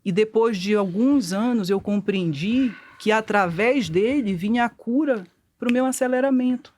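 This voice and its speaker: A woman, the guest's wife, answering an interview question in a calm, reflective way. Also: medium pitch, measured pace.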